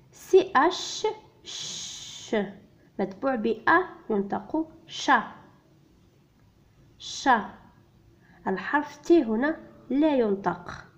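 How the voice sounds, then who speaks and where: A woman teaching French reading to beginners, spelling out letters and sounds one by one and repeating each word. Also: high-pitched. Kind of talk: slow spelled-out reading lesson. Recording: dull lo-fi recording.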